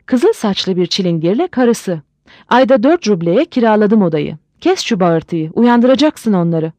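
A woman voicing a sharp, exasperated young wife who scolds her drunk husband in a storybook reading. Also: mid-range voice, animated, normal speed, no room sound, lightly acted. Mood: scolding. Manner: shouting, exasperated.

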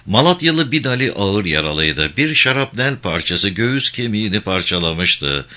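A man narrating a war novel as an audiobook in a measured, steady way. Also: on the low side.

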